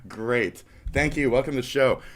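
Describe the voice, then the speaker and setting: Against a noisy background, a stuffy-nosed streamer speaks at medium pitch and a moderate pace. He rambles profanely through a casual live-stream rant that drifts into half-rapped bits.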